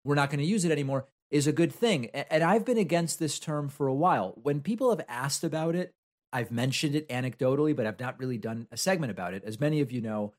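A native Spanish speaker from Argentina hosts a solo political commentary segment, talking quickly in a conversational, argumentative style. He raises objections himself and then answers them, his voice at a middle pitch for a man.

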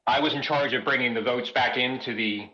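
A man's voice: mid-range voice, brisk, bright, forceful tone. A man calling in to a talk show, his voice sounding like it passes through a voice modulator over a headset line. He talks hesitantly and chuckles between words. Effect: sounds like talking through a voice modulator. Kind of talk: phone-in chat. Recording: muffled headset call line.

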